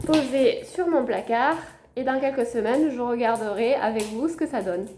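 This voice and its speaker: A chatty woman with a slightly high voice talks through a casual home vlog. She points things out to the viewers as she goes, relaxed and conversational, at home by a window. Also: moderate pace, noisy background. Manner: chatty, shows her plants to viewers. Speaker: gardening vlogger.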